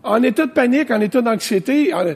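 Animated Quebecois pastor with husky voice. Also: male voice, very high-pitched, fast talker. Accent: Quebec French. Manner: animated, conversational preaching with asides. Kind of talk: sermon. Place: church, preaching to online viewers.

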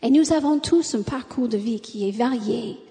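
High-pitched American-accented woman preaching in a hall. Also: moderate pace, warm tone. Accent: American accent in French. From United States. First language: English. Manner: exclamatory, punctuated with amens and hallelujahs. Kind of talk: sermon. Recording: long hall reverb.

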